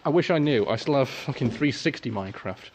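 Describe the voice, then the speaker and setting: A man's voice: medium pitch, animated, brisk, darkish tone, a little hiss or hum. A young man, filming himself outdoors on a phone while exploring a cold abandoned building, swearing and joking drily. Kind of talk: casual vlog chat. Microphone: phone camera.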